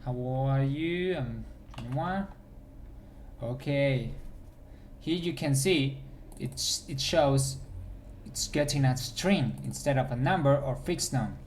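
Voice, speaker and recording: Slow-talking man walking through code. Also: mid-range voice, a little mellow, a little hiss or hum. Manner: thinks aloud while typing, with restarts. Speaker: programming instructor. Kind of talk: screencast coding tutorial. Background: keyboard typing.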